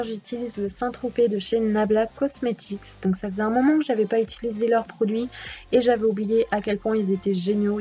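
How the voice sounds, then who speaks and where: A woman vlogger narrating her makeup routine in a chatty voice-over, often pausing with fillers. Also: medium pitch. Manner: chatty, with frequent filler hesitations. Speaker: beauty vlogger. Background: soft background music.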